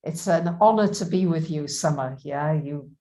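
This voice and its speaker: A woman with a voice a little on the low side co-hosts an informal live stream as an astrologer. She speaks appreciatively, setting out her thoughts in short, measured phrases with frequent halts. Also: dark tone. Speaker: co-host and astrologer. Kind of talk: casual live-stream chat.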